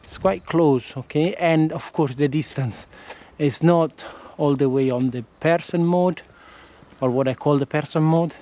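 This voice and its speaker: A man with an Italian accent, a non-native English speaker, vlogs casually while walking outdoors, speaking hesitantly and frequently restarting and correcting himself. His voice sits on the high side, with a measured pace and a dark tone, picked up by an action camera fitted with a windscreen.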